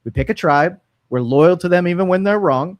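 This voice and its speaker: Sharing casual opinions from a studio, a male radio talk show co-host thinks aloud with lots of fillers and restarts. His voice is high, his speed normal, and there's no room sound.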